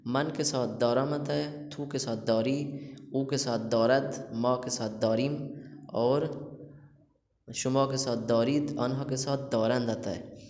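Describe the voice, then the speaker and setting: A man's voice: mid-range voice, steady tone, takes it slowly, a little mellow. Man with teaching a class, steps thru examples one by one, echoey room w long reverb. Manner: explains each example, translating and repeating. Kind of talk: recorded language lecture.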